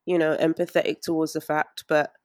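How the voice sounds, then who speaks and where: Anxious young woman, halting speech. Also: deep voice, level tone, no room sound, studio quality. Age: 20s. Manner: halting, many fillers and restarts. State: anxious and strained. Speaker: interview guest. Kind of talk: emotional interview.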